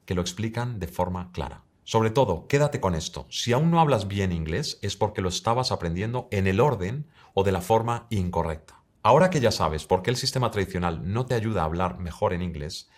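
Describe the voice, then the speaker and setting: Low-voiced male English teacher. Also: lively intonation, fairly quick. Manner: direct, addresses the listener, models English words. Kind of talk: scripted online lesson.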